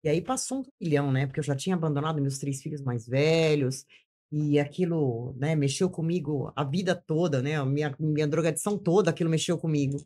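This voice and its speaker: A woman's voice: deep voice, a little fast, warm tone. Woman, telling her story intensely. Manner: intense, repeats phrases, acts out her own past words. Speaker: guest. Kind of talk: emotional personal testimony.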